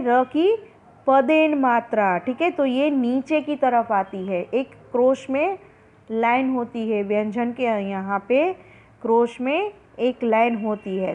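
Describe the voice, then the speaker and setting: A woman's voice: high-pitched, a little mellow. A woman teacher walking students through a Hindi phonics lesson, stretching out each word syllable by syllable. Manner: slow, drawn-out pronunciation of each word for students. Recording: tinny phone-like recording.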